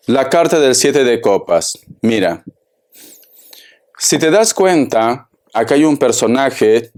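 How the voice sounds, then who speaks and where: A man giving a tarot reading, speaking slowly and deliberately and addressing the listener directly. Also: medium pitch, darkish tone. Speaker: tarot reader.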